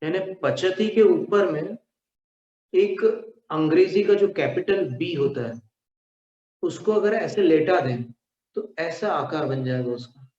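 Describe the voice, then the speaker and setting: Slow, deliberate male Hindi teacher. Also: on the high side, darkish tone. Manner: demonstrates sounds syllable by syllable. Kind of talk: slow explanatory lesson. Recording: echoey room, dull lo-fi sound.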